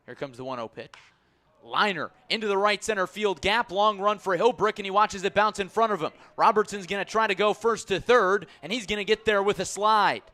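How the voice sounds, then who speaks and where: On live radio, a man announces a baseball game play by play. His delivery is measured while pitches are awaited and becomes excitable during major plays.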